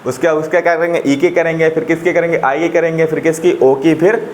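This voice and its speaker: A man's voice: fairly high pitch, fairly even intonation, fairly quick, darkish tone, slight background noise. A man teaching English pronunciation step by step, constantly asking the class questions and repeating the answers.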